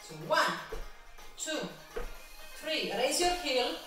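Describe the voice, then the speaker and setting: Slow, high-voiced woman leading exercises. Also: animated, fairly bright tone. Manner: encouraging, counts reps aloud slowly. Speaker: exercise instructor. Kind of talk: guided exercise class. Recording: echoey room, from far off, faint music.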